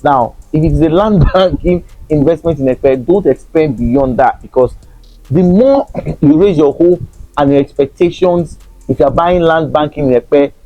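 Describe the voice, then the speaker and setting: Nigerian man with a dark, dry voice. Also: fairly high pitch, normal speed, no echo, low-quality recording. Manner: chuckles often, frank and teasing. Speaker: real estate consultant. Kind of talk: casual talk to camera.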